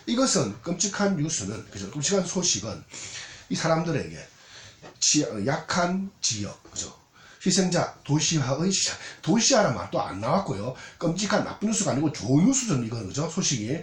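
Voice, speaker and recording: An English exam tutor with a Gyeongsang Korean accent delivers a recorded lecture, constantly checking in through rhetorical questions. His fairly high voice is very animated at a normal speed, and the recording has roomy echo, faint noise, and clicks.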